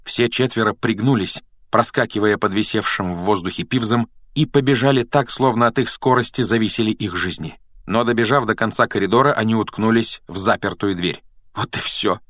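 A man narrating an audiobook in an expressive, measured way. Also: on the low side, no room sound. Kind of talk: scripted narration.

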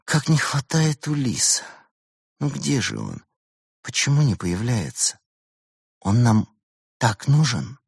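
A man's voice: mid-range voice, very animated, takes it slowly, creaky, pauses often, breathy edge, dry recording, studio quality, pitched above the performer's own voice, heavily acted. A man voicing a sad female figure who speaks wistfully.

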